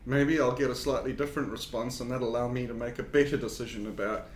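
He's a fast talker with a steady tone, a South African-accented consulting engineer chatting on a podcast. The delivery is casual and halting, with frequent fillers and false starts, captured in an echoey room with a low rumble.

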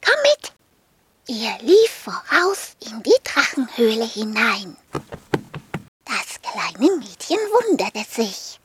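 A woman reading a children's story aloud, dropping often into a soft half-whisper. Her voice is high and swings lively, unhurried, heard dry and close to the mic. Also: noisy background.

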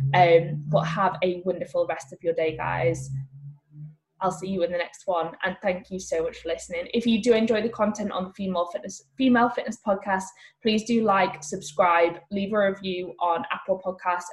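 A woman hosting a casual solo fitness podcast, talking in a relaxed way with frequent ums. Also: lowish voice, poor audio. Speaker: podcast host and fitness coach.

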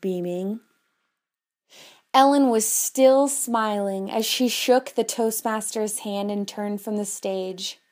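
A woman in her twenties gives a prepared speech at an unhurried pace, letting her words land between pauses. Her voice sits in an ordinary middle range, and she tells her story in a measured way. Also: medium pitch. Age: 20s. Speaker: speaker.

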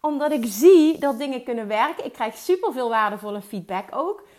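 Woman, high voice, energetic solo business-coach podcaster. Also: a little fast. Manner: energetic, mixes English words into Dutch, emphatic repetition. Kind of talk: solo motivational podcast talk.

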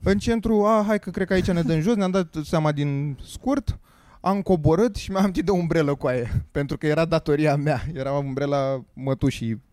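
A man's voice: a little high, a little mellow, no echo. A man chatting casually on a podcast, telling a travel story with a lot of laughter.

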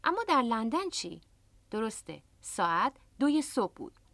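A woman's voice: on the high side, sing-song, gravelly, a bit bright, no room sound. A woman hosting a radio language lesson, explaining words patiently into a close studio microphone. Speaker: English teacher and radio host.

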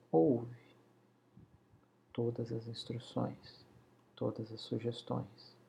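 A man slowly guiding a hypnosis session, counting down in a soothing voice that often sinks to a whisper. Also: mid-range voice, vocal fry, mellow, a little hiss or hum. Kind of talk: guided hypnosis induction.

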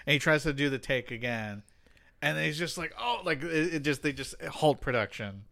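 A man co-hosting a casual chat, talking in a rambling, halting way full of restarts. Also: on the high side, lively intonation, gravelly, pushed and bright.

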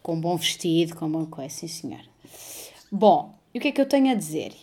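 A woman in her thirties with a European Portuguese accent, hosting a casual podcast chat as a lively storyteller who swears freely. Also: deep voice, fast talker, slight background noise. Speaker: podcast host.

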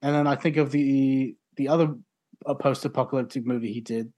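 A podcast co-host in casual chat, enthusiastic and rambling, quick to joke. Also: medium pitch, fairly even intonation, warm tone.

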